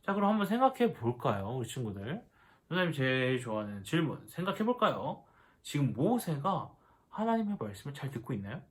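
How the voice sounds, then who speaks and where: A man teaching a children's worship lesson, animated and often asking the children questions. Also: medium pitch, fairly quick. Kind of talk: children's sermon.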